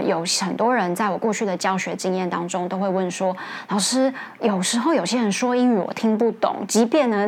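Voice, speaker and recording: Leading an English class with an easygoing, conversational style, this woman teacher laughs often and her voice leaps upward whenever she stresses something.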